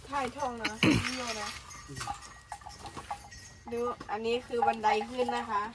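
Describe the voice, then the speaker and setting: A young woman in a brisk, chatty vlog, her voice sitting a little high as she talks politely to her viewers. She is filming on a phone outdoors at a cattle pen in the forest, and heavy outdoor noise and nearby cattle nearly swamp her words. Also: fairly even intonation. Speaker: vlogger. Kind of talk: casual vlog tour.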